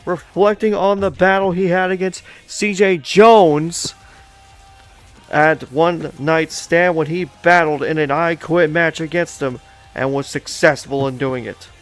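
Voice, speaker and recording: A man with a high-leaning voice, fairly even intonation, and a measured pace hosts a live online wrestling show with faint music behind him. In a hype announcer style, he talks up upcoming events to viewers he addresses as folks and chats with his co-host.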